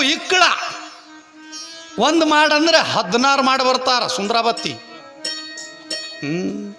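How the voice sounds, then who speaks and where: A male preacher with a North Karnataka Kannada accent, telling stories in a fervent sermon at a temple fair. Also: high-pitched. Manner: fervent, rising to loud exhortation. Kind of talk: religious sermon storytelling. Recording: long hall reverb with faint music.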